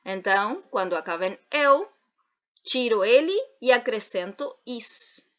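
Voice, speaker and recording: A woman teacher giving an online grammar lesson, talking slowly and deliberately and spelling out word endings. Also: a little high, expressive. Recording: dull lo-fi video audio.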